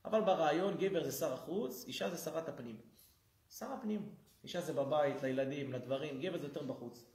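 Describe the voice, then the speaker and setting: High-voiced rabbi giving a humorous lesson. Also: male voice. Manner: lively storyteller who acts out quoted people. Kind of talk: humorous sermon. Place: synagogue hall. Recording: roomy synagogue echo.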